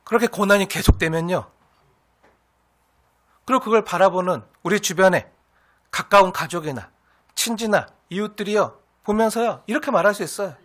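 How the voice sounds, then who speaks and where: A pastor preaching a sermon in an earnest, repetitive way, sometimes acting out the taunts of scoffers. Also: male voice, high-pitched, moderate pace, long pauses, fairly bright tone.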